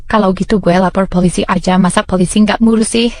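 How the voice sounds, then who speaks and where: A woman's voice: mid-range voice, fairly even intonation, fast, darkish tone, no room sound, lightly acted. An actress playing a struggling single mother who earnestly pleads for her unpaid wages. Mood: pleading. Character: struggling young single mother, desperate but proud. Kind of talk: short drama acting.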